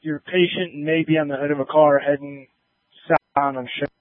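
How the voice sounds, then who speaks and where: A man on a fire engine crew calling in over a two-way emergency radio, in brisk, clipped radio traffic with call signs. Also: on the high side, steady tone, no echo. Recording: tinny, dry radio channel.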